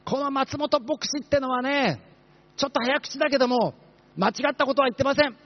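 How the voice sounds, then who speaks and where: Shouting possessed greeter at a church door, pushy and high-pitched, a preacher putting him on, dull recording. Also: male voice, brisk, big-room sound. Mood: shouting eagerly.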